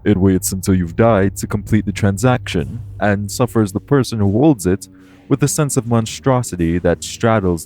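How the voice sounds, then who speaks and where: In an audio roleplay, a man plays a calm guardian angel with a very low, mellow voice. He speaks formally and in measured fashion, explaining things to the listener earnestly and protectively.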